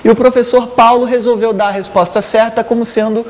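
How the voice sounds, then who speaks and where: A TV host presenting a school cooking challenge, talking directly to the students in a lively way. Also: medium pitch, fairly quick, a little hiss or hum. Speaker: TV show host.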